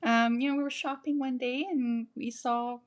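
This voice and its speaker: A woman's voice: a little high, fairly even intonation, normal speed. Chatty woman composer from Malaysia. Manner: chatty, laughs often, frequent restarts. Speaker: guest composer. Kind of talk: casual interview.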